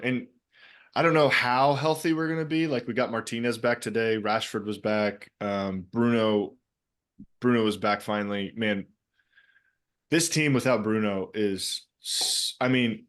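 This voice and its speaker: A man's voice: mid-range voice, a little slow, a bit bright. A man co-hosting a casual soccer podcast over a video call, rambling with lots of fillers and restarts. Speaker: podcast co-host.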